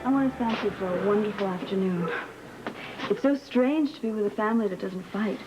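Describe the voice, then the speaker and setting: A woman's voice: medium pitch, a little fast, close to an everyday voice. An actress playing a proud, defensive, guarded young woman in a television soap opera. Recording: dull old TV soundtrack, music underneath.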